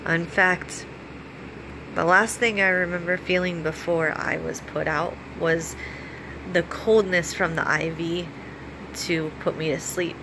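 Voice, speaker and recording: An American woman vlogger talking casually and giving practical advice, explaining things in an informal, halting way. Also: fairly low pitch. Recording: clearly audible steady background noise.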